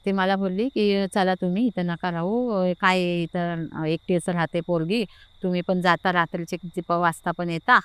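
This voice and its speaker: A woman's voice: on the low side, fairly even intonation, moderate pace, clear, resonant tone, no echo. A middle-aged woman with a Marathi accent tells a personal story in casual talk, hesitant and full of fillers, acting out what others said. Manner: hesitant, many fillers and restarts, voices others in quotes. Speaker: interview guest telling her experience.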